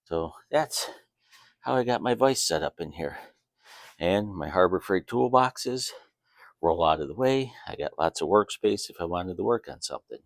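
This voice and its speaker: A man with a low voice talks casually in his garage workshop. He explains things in a plain, informal way as he works, and the sound is dry with little room echo. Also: lively intonation, normal speed. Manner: plainspoken, informal, talking while working. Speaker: DIY video host.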